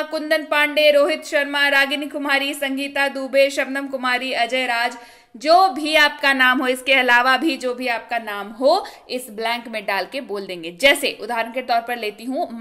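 A young woman, her voice high and bright, teaching spoken English over lesson slides. She asks questions and answers them herself, and she repeats each example slowly. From India. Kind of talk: online video lesson.

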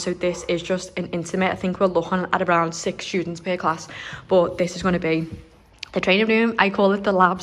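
A young woman from Liverpool, a nail salon owner, chatting excitedly with lots of fillers as she films a walkthrough of her salon under renovation on her phone. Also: fairly low pitch. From Liverpool, England. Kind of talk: walkthrough vlog.

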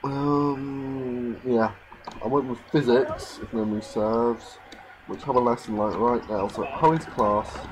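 A man's voice: mid-range voice, steady tone, unhurried, slight background noise, low-quality recording. A man giving irritated, ranting let's play commentary over a life-sim game. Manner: frustrated, ranting, swears mildly. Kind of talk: gameplay commentary.

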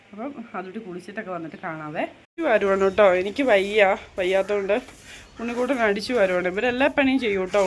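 A woman in her thirties chatting to her viewers in a casual home vlog, with friendly asides aimed at the audience. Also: mid-range voice. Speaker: vlogger and mother. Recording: echoey room with faint hum.

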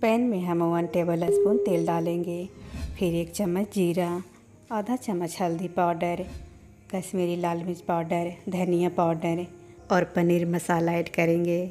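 In a calm, measured voice-over, a cooking channel host walks listeners through a home recipe. She speaks low and warm, keeping to a narrow, even line, while faint music plays under her steady instructions.

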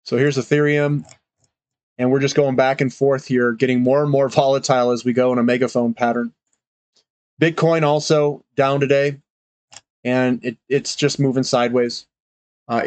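A man talks through price charts in a loose, rambling way, full of ums and uhs. His voice sounds congested from a cold, and the recording is dry and close. He sits at a middle pitch for a man. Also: no echo. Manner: loose, rambling, with frequent fillers. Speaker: finance channel host. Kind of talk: casual market commentary.

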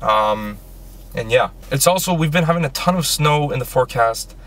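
This young adult vlogger from Canada has an expressive, slightly bright voice of medium pitch and speaks at a moderate pace. He chats loosely in a car vlog, full of ums and restarts, first in a small car and then outside at a snowy lakeside lot.

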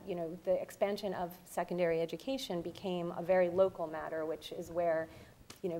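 A woman's voice: fairly low pitch, a little mellow. A woman in her forties, an associate professor, building a long, thoughtful argument on a TV panel, on a lapel mic in a studio. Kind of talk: panel discussion. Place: TV studio set.

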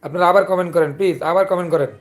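A man's voice: high-pitched, steady tone, rapid-fire. A man from Chandpur, Bangladesh, with a Chandpur Bengali accent, hosting a casual livestream and chatting with viewers. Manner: chatty, greets viewers and asks for comments. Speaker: livestream host. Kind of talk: casual live chat with viewers.

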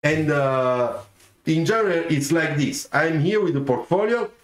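Animated man, roomy room. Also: on the high side, unhurried. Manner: animated, gestures a lot, keeps asking "okay?". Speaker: car designer giving career advice. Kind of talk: livestreamed talk to viewers. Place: home studio room. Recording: roomy echoey room sound.

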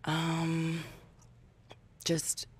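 A woman's voice: deep voice, completely flat delivery, drawn-out words, breathy edge. A young woman contestant on a dating show, speaking casually and hesitantly, with many ums, into a handheld mic. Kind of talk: casual chat. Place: bright indoor studio set.

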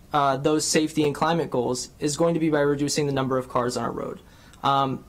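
Earnest young man testifying, slightly high voice. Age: young adult. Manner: earnest, many ums and uhs. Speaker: public hearing speaker, bus rider. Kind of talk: prepared public testimony. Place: large county council chamber, seated at a desk. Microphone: desk microphone on a stand.

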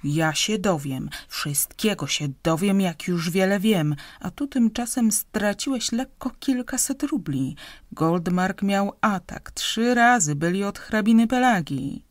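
A woman's voice: mid-range voice, lively intonation, a little slow, dry recording, clean studio sound, lightly acted. A woman reading an audiobook, voicing a grasping, domineering wife who scolds and interrogates her husband. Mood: interrogating. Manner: scolding, interrogating, raised and insistent. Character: grasping sharp-tongued middle-aged wife, domineering.

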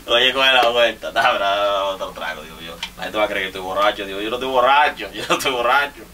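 Teasing Dominican man, bright sharp voice. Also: on the low side, normal speed, a little hiss or hum. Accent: Dominican Spanish. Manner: teasing, rambling, laughs often. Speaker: rapper roasting fellow artists. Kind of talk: casual joking monologue. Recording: distant mic with faint ambience.

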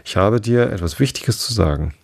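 A man's voice: lowish voice, animated, vocal fry, a little mellow, no echo. A man reading as a curt, stern caterpillar. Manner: terse and slow. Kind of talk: calm bedtime storybook reading.

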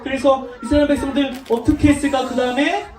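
A woman giving a lively sermon to young children, asking them questions and acting out the story. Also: high voice, fast, crowd noise. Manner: animated, questions children, acts out voices. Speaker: children's Sunday school preacher. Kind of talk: children's sermon with call and response. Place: large church hall. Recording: roomy echo, distant mic.

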